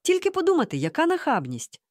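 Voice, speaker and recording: Woman reader voicing an excitable mother, high and indignant, dry close sound. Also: moderate pace, no room sound. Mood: scandalized. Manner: exclaiming, scandalized, breathless whisper-hiss.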